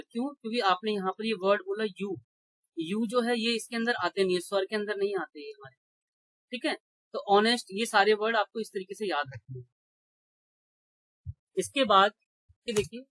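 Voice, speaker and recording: A man's voice: high-pitched, bright, forceful tone, no echo, rough recording. A male teacher walks his class through exam grammar rules one step at a time. He often checks that his students are following and answers his own questions. His voice is recorded dry and close, with no room sound. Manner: asks rhetorical questions and answers them. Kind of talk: exam-prep grammar lecture.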